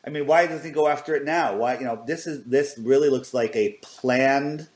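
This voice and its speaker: A male podcast co-host rambles along, his thoughts looping through many "you know"s. His voice sits at an average pitch, and it rings in a noticeably echoey room. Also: normal speed, a little mellow. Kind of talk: casual podcast talk.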